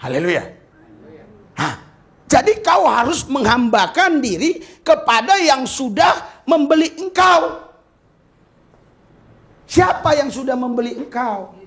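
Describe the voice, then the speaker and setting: A male pastor preaching a sermon, jumping in pitch and loudness for emphasis and acting out the people he quotes. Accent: Indonesian.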